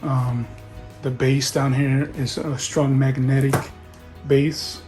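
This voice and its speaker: A man casually talking through an unboxing in a relaxed, halting way, hosting his own tech video. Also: mid-range voice. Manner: relaxed, halting, with fillers and restarts. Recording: music playing behind.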